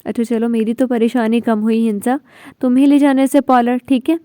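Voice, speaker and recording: A fussy middle-aged aunt, read by a woman narrator in a storybook reading. She speaks briskly with a slightly plaintive edge. The voice sits higher and sounds mellow. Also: steady tone, dry recording, clean studio sound, natural voice.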